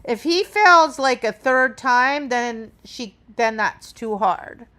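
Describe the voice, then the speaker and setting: A woman's voice: fairly high pitch, expressive, slow pace, sharp tone. A woman dog trainer talking through a training demonstration, explaining each step and checking in with "right?". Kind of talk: instructional demonstration.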